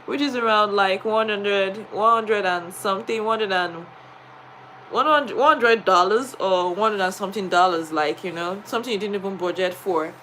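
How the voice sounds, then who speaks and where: A woman's voice: medium pitch, moderate pace, bright, forceful tone, a little hiss or hum. A woman with a Nigerian accent, a teacher, chatting on a live stream and telling a story with many fillers. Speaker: vlogger and teacher.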